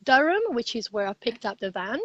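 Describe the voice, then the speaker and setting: A woman guest talking over a video call from inside her camper van, lively and chatty. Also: a little high, fairly quick, lo-fi sound. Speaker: interview guest, freedom coach. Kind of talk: casual chat.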